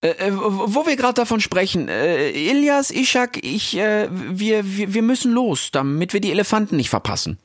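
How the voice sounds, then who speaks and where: A timid young male meerkat, put on by a man reading a storybook aloud. He stumbles and stammers over nearly every phrase in a squeaky, high voice. His pitch jumps around wildly, and the recording is close and dry. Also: big pitch swings, normal speed, few pauses, dry recording. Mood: nervous. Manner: stammering, hesitant. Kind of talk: audiobook character voice.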